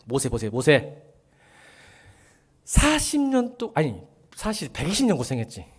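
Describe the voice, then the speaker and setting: Animated pastor with a lively voice. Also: male voice, fairly high pitch, a little slow, breathy edge. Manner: animated, joking with the congregation, bursts into shouting. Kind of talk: sermon. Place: church sanctuary.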